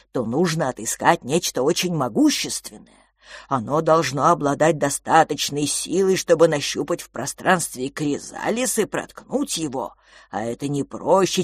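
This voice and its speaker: A woman voicing a calm, weary old male sage who reasons slowly and sighs between thoughts. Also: sits low, husky, no echo, clean studio sound, heavily acted. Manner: measured, sighing, reasoning.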